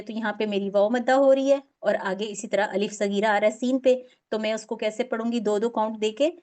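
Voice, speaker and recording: A woman's voice: mid-range voice, darkish tone. A woman teaching a recitation class, explaining patiently step by step and drawing out example words.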